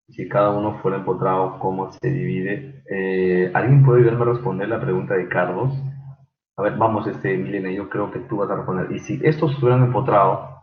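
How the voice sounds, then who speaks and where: A man teaching an online engineering class, halting with many fillers and quizzing students by name. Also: low voice, echoey room, phone-quality sound. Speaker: engineering lecturer.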